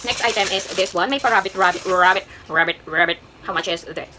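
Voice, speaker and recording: A woman's voice: mid-range voice, fairly quick. Chatty young woman, noisy home recording. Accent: Kapampangan. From Philippines. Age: 20s. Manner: chatty, rambling, with frequent fillers. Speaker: vlogger. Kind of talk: casual haul vlog and personal story.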